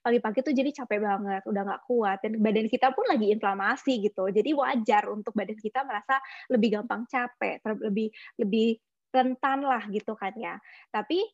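A woman's voice: a little high, brisk, no echo, muffled recording. A young woman talking through her own experience in a casual, reflective way, slipping English words into her speech. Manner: reflective, mixes English into Indonesian slang. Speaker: guest sharing her experience. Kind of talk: casual chat.

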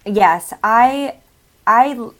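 A woman's voice: fairly high pitch, animated, drawn-out words, fairly bright tone. A woman talking as a podcast guest in a casual, reflective way, feeling out her phrases thoughtfully. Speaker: podcast guest, astrologer and author.

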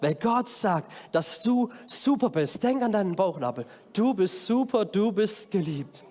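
A man preaching a lively children's sermon at a camp, energetically calling out to his young audience from a stage. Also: high voice, unhurried. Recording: long hall reverb.

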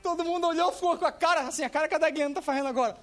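A man preaching a sermon as pastor, swinging from quiet storytelling to shouted preaching. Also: very high voice, very fast. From Brazil.

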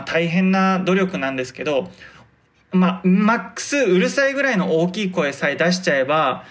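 A soft-spoken man hosting a casual solo podcast, consciously projecting his voice and articulating each word with care. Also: fairly high pitch. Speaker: podcast host.

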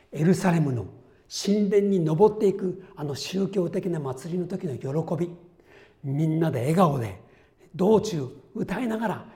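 Earnest Japanese pastor, dark voice. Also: male voice, fairly high pitch. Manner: earnest, swings between loud exclamation and soft whispered asides; quotes voices and his own notes conversationally. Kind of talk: sermon.

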